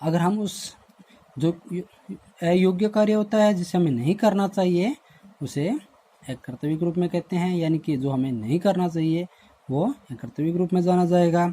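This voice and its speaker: A man teaching a lesson to schoolchildren in a recorded online class, explaining word meanings slowly and repeating himself. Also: sits high, mellow. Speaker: Hindi teacher.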